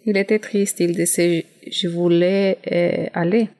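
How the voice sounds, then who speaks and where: A woman from the congregation politely asking a question at a Bible study, hesitant and pausing with fillers. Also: lowish voice, fairly even intonation, mellow. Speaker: church member asking a question.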